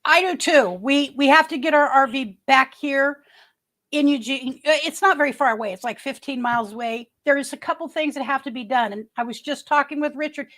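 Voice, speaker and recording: This early-sixties woman hosts a casual livestream from her home, rambling through chat and viewer comments with many restarts. Her voice is high-pitched, slightly bright, and a bit quick.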